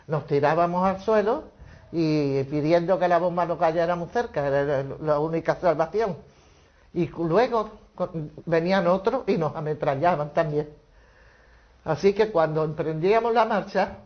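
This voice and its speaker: An older woman giving a personal testimony, telling her memories slowly and carefully with small restarts. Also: low-pitched. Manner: slow, measured storytelling with small restarts. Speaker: witness recounting memories. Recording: dull lo-fi recording.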